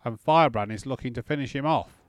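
A man voicing a drunk, boastful middle-aged lord who slurs his words and gossips loudly. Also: medium pitch, quick pace, no echo, close to an everyday voice. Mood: boozy, boastful. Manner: slurring, loud, gossipy.

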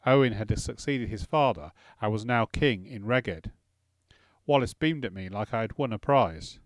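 A man reading a first-person story as audiobook narration, in a steady storytelling manner. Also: on the low side, normal speed, dry recording.

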